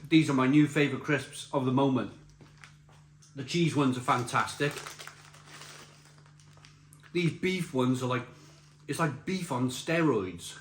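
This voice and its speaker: A middle-aged British man giving a casual, chatty crisp review while tasting and eating, repeating phrases for emphasis. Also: mid-range voice, measured pace, long pauses. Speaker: snack reviewer. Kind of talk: casual spoken review to camera. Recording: roomy echo, faint background noise.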